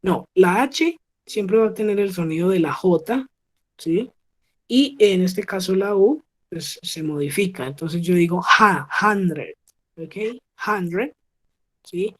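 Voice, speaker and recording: A woman's voice: on the low side, lively intonation, measured pace, darkish tone. Patient woman teaching on a video call. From Colombia. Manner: patient, checks understanding with frequent "¿sí?". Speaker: English teacher. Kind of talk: online class explaining pronunciation.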